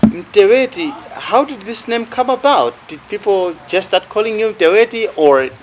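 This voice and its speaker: Lively, high-voiced male interview host. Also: normal speed, background noise. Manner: curious, prompting with short follow-up questions. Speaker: talk show host. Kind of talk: interview hosting.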